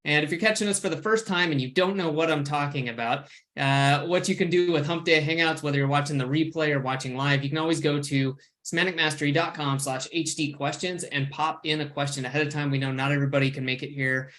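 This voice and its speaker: A man co-hosting a live online question-and-answer show, chatty and relaxed with many fillers. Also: on the high side, fast talker, few pauses. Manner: relaxed, filler-heavy announcer. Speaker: co-host. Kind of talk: casual webinar chat.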